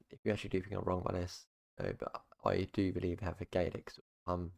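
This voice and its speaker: A young British YouTuber from the United Kingdom with a low, gravelly voice talks casually to camera in an explainer monologue. He rambles through facts with frequent restarts and fillers such as "obviously" and "basically."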